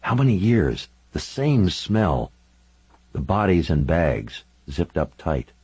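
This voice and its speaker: A man narrating a first-person audiobook with a very deep, dark and husky voice. His delivery is intense and dramatic, rising and falling widely in pitch. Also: sing-song, slow, low-quality recording.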